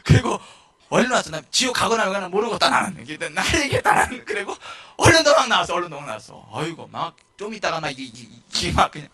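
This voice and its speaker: A male pastor giving a lively sermon in a church, rising to shouts and acting out the people in his stories. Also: high-pitched, quick pace, hardly any pauses. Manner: animated, shouting at peaks, mimicking people.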